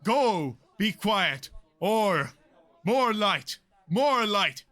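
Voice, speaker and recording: A forceful, bright-voiced older lord, acted by a man, rules his household with imperious authority. He declaims Shakespearean verse slowly and rather high, quick-tempered, with music behind him. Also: sing-song, full character voice. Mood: angry scolding. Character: commanding older lord, host of a feast, quick-tempered uncle. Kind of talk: Shakespeare audio play acting.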